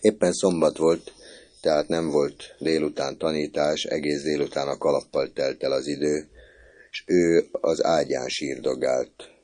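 A man reading a novel aloud in measured storytelling narration. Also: very deep voice, fairly even intonation, a little mellow, no room sound.

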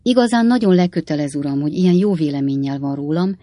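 A reader voicing an excitable widowed woman innkeeper in an audiobook, loud and theatrical. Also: medium pitch, dry recording, studio quality, natural voice. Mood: coy, indignant. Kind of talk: audiobook reading.

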